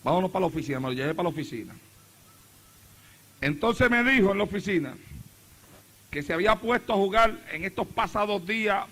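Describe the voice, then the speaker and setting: A man's voice: high voice, a bit bright. A middle-aged man preaching a sermon as pastor, repeating phrases with rising fervor. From Puerto Rico.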